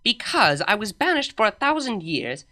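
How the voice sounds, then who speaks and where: A woman's voice: medium pitch, very animated, moderate pace, bright, forceful tone, faint music behind, voice pushed up. A woman voicing a blunt, proud alicorn princess with a matter-of-fact, slightly pompous delivery. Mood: deadpan.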